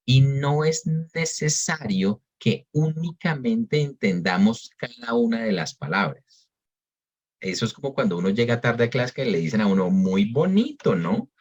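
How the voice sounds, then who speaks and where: A man with a Colombian Spanish accent teaches an online webinar, explaining patiently and rephrasing himself with frequent fillers. His voice sits at an average pitch. He comes through a computer microphone with slightly dull audio. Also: a little slow. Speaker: webinar presenter on English exams.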